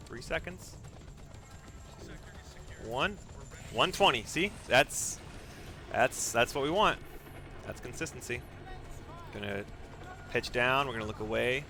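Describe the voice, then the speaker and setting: A man with a medium-pitched voice gives live speedrun commentary over background noise. He's a video game streamer and speedrunner who narrates each move, repeats phrases, and uses mild exclamations rather than swearing.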